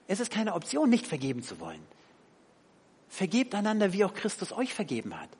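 A man preaching a sermon, animated, swinging between loud emphasis and quiet asides. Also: high-pitched, fairly quick, husky. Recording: long hall reverb.

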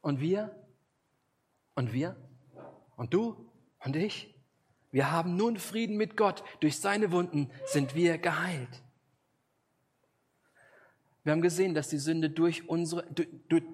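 Earnest, husky-voiced male preacher. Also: a little high. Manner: earnest, emphatic, addresses listeners directly. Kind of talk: sermon.

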